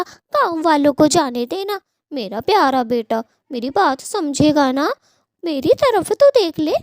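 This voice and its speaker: A woman's voice: high voice, dry recording, clean studio sound. A woman voicing a worried old mother in a cartoon story who pleads and fusses over her son. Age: older. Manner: pleading, fussing and complaining.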